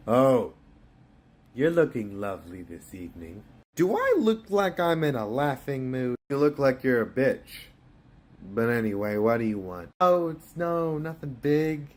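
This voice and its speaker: A man doing the voices of a crude comedy cartoon. He fires off brash, profane banter. His pitch sits in an ordinary middle range but leaps around animatedly. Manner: brash, sweary, quick comic banter.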